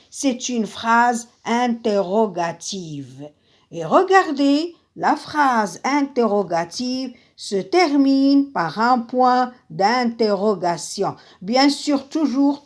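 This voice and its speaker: A woman teaches a grammar class at an unhurried pace. She says each example slowly and repeats it, then explains it again in Arabic. Her pitch rises and falls a lot as she talks. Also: a little mellow. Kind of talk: slow classroom grammar lesson.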